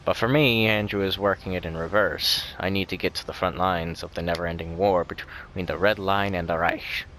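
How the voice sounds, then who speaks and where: Low-pitched and brisk, a young let's-play host keeps fairly even intonation and a slightly bright tone, with a little hiss or hum in the recording. He chats and jokes loosely over game music, regularly correcting himself.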